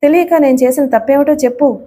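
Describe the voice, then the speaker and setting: A woman voicing a bewildered middle-aged husband who pleads softly and slowly with his wife. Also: sits high, close to an everyday voice. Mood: pleading. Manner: soft, coaxing, slow.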